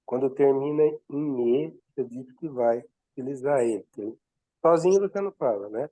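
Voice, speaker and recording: A man's voice: medium pitch, normal speed, warm tone, dry recording, low-quality recording. A man asking tentative questions as a student in an online class. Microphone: computer mic on video call.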